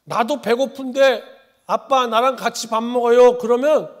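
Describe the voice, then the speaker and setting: A pastor voicing a family dog that whines about being shooed away from the table, in a high, sing-song, aggrieved way. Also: male voice, unhurried.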